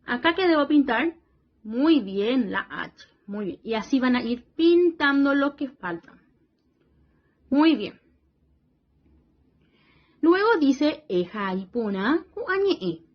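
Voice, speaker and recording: A woman teacher talking young children through a worksheet, slow and patient, often praising and checking they follow along. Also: sits high, big pitch swings, lo-fi sound. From Paraguay region.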